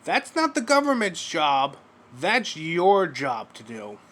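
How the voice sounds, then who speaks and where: A man commenting over a clip, lecturing and mocking with blunt profanity. His voice sits a little high and swings widely in pitch. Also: wildly swooping pitch, takes it slowly, sharp tone.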